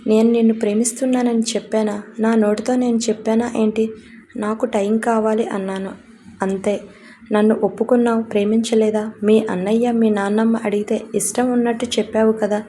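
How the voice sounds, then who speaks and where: A woman reads the part of a proud, bitter young woman in an audio storybook, sharp and scolding. The tone is mellow and dark. The pitch stays flat and narrow. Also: fairly quick, slight background noise, natural voice. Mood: angry.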